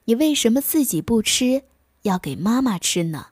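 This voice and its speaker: A woman voicing a gentle mother crow. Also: fairly high pitch, very animated, moderate pace, slightly rough, no echo, clean studio sound. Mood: pleased. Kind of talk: bedtime story narration.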